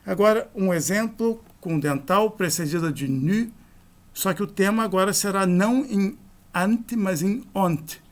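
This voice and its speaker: A man's voice: sits high, a little slow. A man teaching a grammar lesson, explaining forms one by one in a methodical, explanatory way. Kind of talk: slow grammar lecture.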